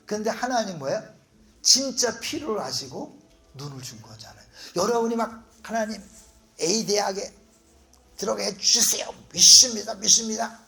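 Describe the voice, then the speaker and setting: Middle-aged man, pastor, preaching at a youth retreat; high, gravelly, very animated voice. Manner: lively, animated preaching with acted-out prayers and rhetorical questions. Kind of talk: youth retreat sermon on prayer.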